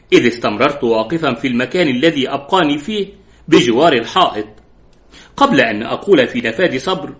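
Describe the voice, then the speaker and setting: A man's voice: mid-range voice, fairly bright tone. Man reading a mystery audiobook. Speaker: audiobook narrator. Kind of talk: scripted narration.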